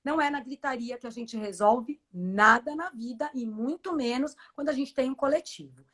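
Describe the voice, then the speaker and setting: High-voiced Brazilian woman giving firm advice. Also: normal speed, fairly bright tone. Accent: Brazilian Portuguese. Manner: emphatic, firm and persuasive. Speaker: professional condo manager. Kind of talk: advice in a live-streamed interview.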